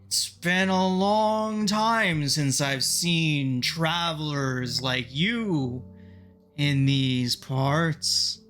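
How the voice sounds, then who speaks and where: Man acting out a talking tree, ancient and gnarled, very slow drone, courtly, tabletop fantasy game, music behind. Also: on the high side, fairly bright tone. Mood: slow, solemn. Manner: slow, drawn-out droning talking-tree speech. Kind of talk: tabletop role-play.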